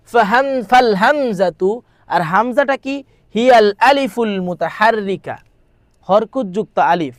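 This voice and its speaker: A man's voice: sits high, no room sound, studio quality. A man teaching an exam-prep grammar lesson. He reads lines aloud, translates them, repeats them, and keeps asking rhetorical questions. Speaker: madrasa exam tutor.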